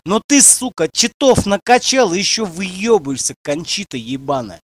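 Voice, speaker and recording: High-voiced man hurling insults. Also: big pitch swings, normal speed, dry recording. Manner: swearing, mocking insults. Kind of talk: game voice chat.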